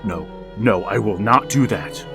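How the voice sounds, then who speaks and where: With music playing, an actor voices a grieving middle-aged father in a vintage-style radio drama, narrating and pleading desperately to reach his dead son. He speaks low and unhurried, his anguished pleas building into frantic outbursts.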